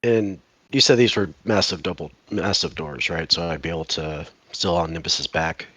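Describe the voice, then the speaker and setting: A man's voice: low-pitched, moderate pace, a bit bright, husky, no echo. A man chatting casually as a player in a tabletop game. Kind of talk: casual chat.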